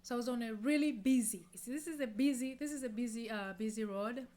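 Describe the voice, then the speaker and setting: A woman's voice: on the high side, fairly quick, warm tone. A middle-aged woman from Tanzania, hosting her own podcast and telling a story in a casual, chatty way with many fillers and restarts. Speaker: podcast host.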